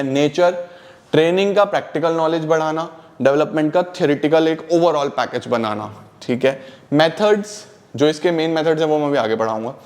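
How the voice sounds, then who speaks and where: A man teaching a lively class lecture, asking and answering his own questions and mixing in English terms. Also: mid-range voice.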